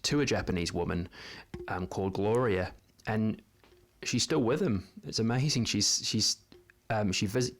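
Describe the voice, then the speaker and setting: A man, talking through a casual monologue with lots of ums and restarts. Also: deep voice. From New Zealand. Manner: hesitant, many ums and restarts. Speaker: vlogger.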